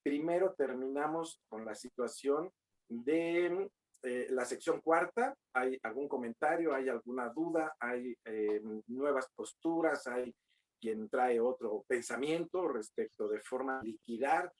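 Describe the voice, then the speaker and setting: Slow-talking man moderating a forum. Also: medium pitch, low-quality recording. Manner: slow, drawn-out, filler-heavy, joking asides. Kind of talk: moderating an online legal forum.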